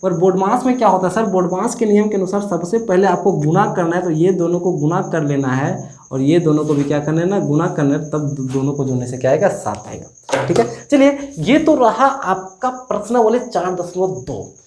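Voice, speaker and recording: A male math teacher with a Jharkhand Hindi accent talks students through a lesson in a relaxed, chatty way. He keeps asking questions and answering them himself, teasing as he goes. His voice sounds roomy and echoey. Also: sits high, normal speed, slight background noise. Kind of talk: casual classroom tutorial. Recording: echoey room.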